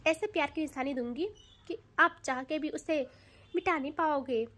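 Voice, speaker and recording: A woman's voice: sits high, normal speed, fairly bright tone. A woman voicing a possessive, teasing young woman in an audio love story, bossy and playful.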